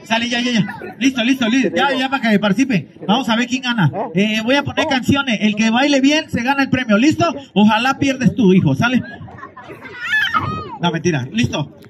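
A Mexican man working as a street comedian hosts a children's contest on a handheld mic, teasing the kids with mock-dramatic outbursts in comic crowd banter. His voice is extremely high-pitched at a moderate pace, with a crowd in the background.

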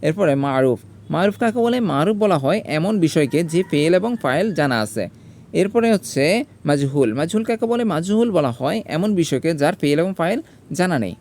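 A man's voice: on the high side, sing-song, moderate pace, a little mellow. A man teaching a grammar lesson. He spells out letters and vowel marks one by one, then asks his own questions and answers them himself.

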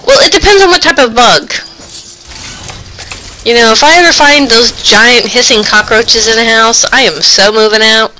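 A woman's voice: a little high, moderate pace, sharp tone, slight background noise, poor audio. A woman co-hosting a casual gaming stream, chatty and playfully squeamish. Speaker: stream co-host.

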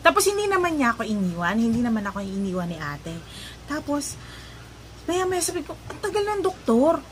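Animated woman telling a story over noise. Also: a little high, fairly quick. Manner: animated, laughs at her own story, jokes. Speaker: vlogger recounting a personal ordeal. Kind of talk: casual storytelling. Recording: noisy ambience behind voice.

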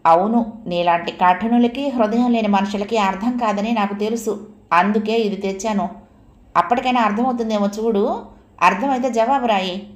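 A woman's voice: medium pitch, moderate pace, lightly acted. A woman voicing a tearful, proud young woman. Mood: bitter. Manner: tearful, pleading then bitter. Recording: echoey room, faint hiss.

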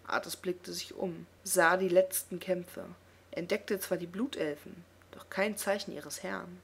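Husky, gravelly woman reading a fantasy novel. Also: on the low side, steady tone, measured pace. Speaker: audiobook reader. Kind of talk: audiobook narration.

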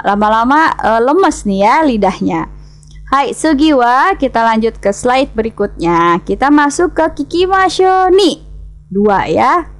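Female language teacher, slightly higher voice, patient step-by-step explainer. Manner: explains step by step, mixes in Japanese classroom phrases. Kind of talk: recorded classroom lesson.

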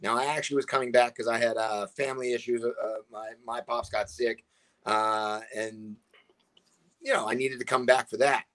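On a casual video call, a guest from Massachusetts, a combat sports promoter, talks from an indoor room at home through his webcam. His voice is medium-pitched, steady and fairly bright at a moderate pace, and he rambles on, frequently adding "you know what I mean."

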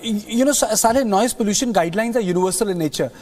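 With a high, slightly mellow voice, this man in his thirties presents studio news in a measured style. He then puts questions to a colleague, hesitating now and then with fillers.

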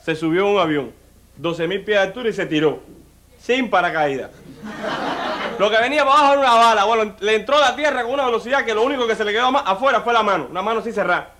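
On stage, a Cuban comedian talks quickly and animatedly in a high voice, addressing the crowd head-on with plenty of "mira" and "óyeme." The background is noisy.

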